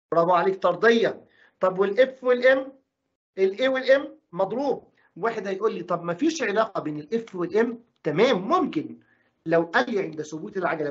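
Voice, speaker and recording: Man, Egyptian Arabic accent, physics teacher, rapid delivery, dull lo-fi sound. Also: high voice. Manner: asks questions and answers them himself, voices imagined student objections. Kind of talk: recorded classroom lesson. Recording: dull lo-fi recording.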